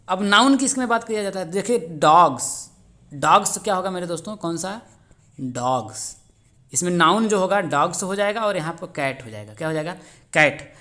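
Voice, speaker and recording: A man teaching as a channel host, going through an exam paper. He keeps asking rhetorical questions and answering them himself, and reads English questions out slowly, word by word. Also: high voice, bright, forceful tone. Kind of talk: exam paper solution lesson.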